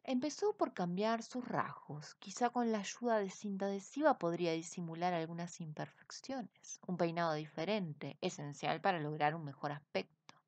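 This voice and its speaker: A woman reading a children's storybook aloud in an expressive, unhurried way. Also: lowish voice, no echo. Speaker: reader.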